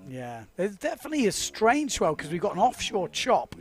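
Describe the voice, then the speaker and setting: A man gives chatty, upbeat live commentary on a windsurfing race, joking with his co-commentator. His voice sits high and a bit bright, with wildly swooping pitch at a normal speed.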